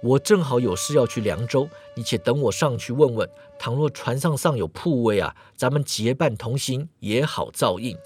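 Man doing a calm low-voiced senior swordsman. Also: normal speed, hardly any pauses, slightly rough, soft background music. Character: calm senior martial brother, grown man.

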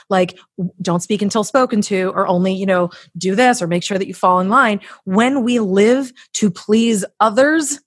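Heard in a dry, studio-quality recording, a mid-range-voiced woman, an author and coach, guests on a podcast. She offers motivational advice conversationally, bluntly and emphatically, swearing casually and acting out examples.

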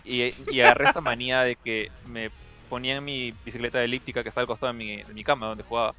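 A young Peruvian man talks quickly in a loose, rambling way, restarting his sentences and dropping slang as he tells a story. His voice is bright and sits in a middle pitch. Faint music plays underneath. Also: little pitch movement. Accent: Peruvian Spanish. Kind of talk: casual chat, storytelling.

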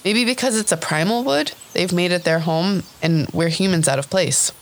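A man's voice: high-pitched, moderate pace, voice pushed up. A man voicing an earnest young woman adventurer in a fantasy audiobook. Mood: uneasy.

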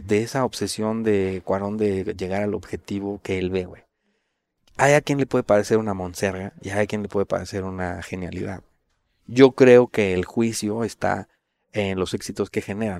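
A middle-aged man with a Mexican accent, casually telling stories as an interview guest, full of slang and swearing, animated when he quotes others. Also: fairly low pitch. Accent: Mexican Spanish.

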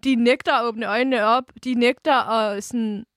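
A woman's voice: on the high side, steady tone, dry recording, studio quality. A woman co-hosting a casual discussion, talking earnestly and repeating her points for emphasis. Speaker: co-host.

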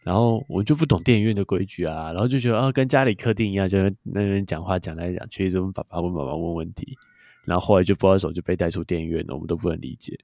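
Brief: young man, deep dark voice, quick casual podcast chatter, dry close mic. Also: dry recording. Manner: chatty storyteller. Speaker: podcast co-host. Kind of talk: casual chat.

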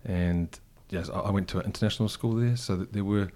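A middle-aged New Zealand man, a cafe co-founder, thoughtfully recalls his past as a guest in a reflective conversational interview. His voice is fairly low and warm, and he talks fast, often restarting sentences and using fillers.

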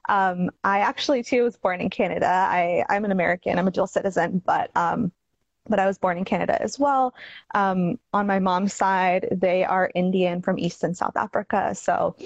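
A woman's voice: medium pitch, fairly even intonation, normal speed, creaky, no echo, lo-fi sound. A woman hosting a podcast interview, chatty and casual with frequent filler words. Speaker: podcast host.

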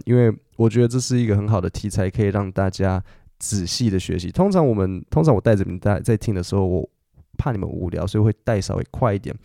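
A middle-aged man teaches English on a podcast, taking each point slowly with fillers and small self-corrections. His voice is low, gravelly and mellow. The sound is dry and close to the mic. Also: no room sound. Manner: patient and explanatory, with frequent fillers and self-corrections. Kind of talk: podcast language lesson, explaining in detail.

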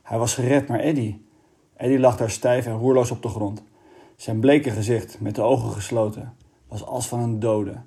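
A man reading a children's novel aloud in a steady, expressive way. His voice sits at an ordinary pitch and has a mellow, relaxed tone. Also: moderate pace. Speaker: audiobook reader.

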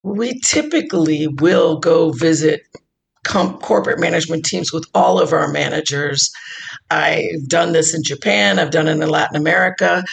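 A woman investor, formerly a chief investment officer, speaking in an interview with measured, deliberate explanations. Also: sits low, creaky, low-quality recording. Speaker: investor, former endowment CIO. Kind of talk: interview conversation.

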